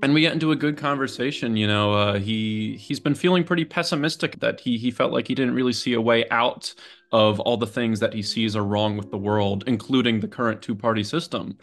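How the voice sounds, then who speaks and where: A man's voice: mid-range voice, a little fast, fairly bright tone. A man earnestly recounting a conversation on a podcast. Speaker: party member sharing an anecdote. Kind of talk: casual podcast storytelling.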